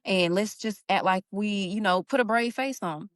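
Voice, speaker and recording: A woman's voice: mid-range voice, moderate pace, fairly bright tone, no echo, studio quality. A young woman, a stay-at-home mother, talking earnestly and informally in a casual heartfelt conversation. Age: young adult. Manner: earnest, Southern-tinged informal speech with y'all. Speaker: stay-at-home mom, podcast guest.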